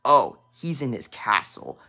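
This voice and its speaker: A fan doing a dark-world puffball twin who explains things matter-of-factly, in a slow, breathy, bright voice with a very lively pitch. It's a homemade fan cartoon. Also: exaggerated voice. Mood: calm.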